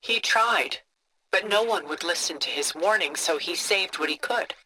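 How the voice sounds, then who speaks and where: An actress playing a cultured, composed older woman who collects art, with a refined, measured, contemplative delivery for a video game. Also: lowish voice, animated, slight background noise, low-quality recording. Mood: reflective, admiring. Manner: refined, measured, contemplative, soft breathy phrase endings. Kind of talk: video game character dialogue, museum-guide storytelling.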